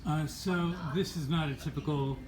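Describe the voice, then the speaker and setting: An interviewer asking casual questions in an informal conversation, with loud music behind the voice. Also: medium pitch, moderate pace, crowd noise.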